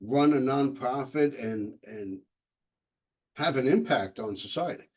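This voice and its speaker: A man's voice: mid-range voice, unhurried, slightly rough. A man hosting a podcast, asking questions and cracking jokes. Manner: joking, asks questions. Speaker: podcast host. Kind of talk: casual interview.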